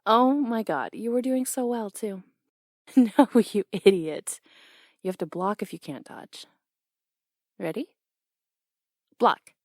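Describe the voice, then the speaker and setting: A young woman voicing a brash, teasing tomboy boxing coach in an audio role-play, blunt and quick to laugh. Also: a little high, lively intonation, no room sound, studio quality, heavily acted.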